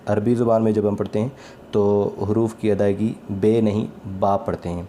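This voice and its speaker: A man teaching Quran recitation in a calm, patient spoken lesson, sounding out each letter slowly and repeating it. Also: on the low side, a little hiss or hum.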